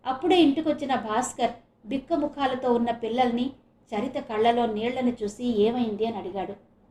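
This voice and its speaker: A woman from Visakhapatnam narrating an audiobook novel in a measured, dramatic storytelling manner. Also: fairly high pitch, a little mellow, reverberant. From Visakhapatnam, India.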